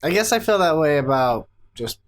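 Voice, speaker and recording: A man's voice: a little high, big pitch swings. Joking young man with faint background hiss. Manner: joking, quick to laugh. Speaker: podcast co-host. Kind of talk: casual chat. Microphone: podcast microphone.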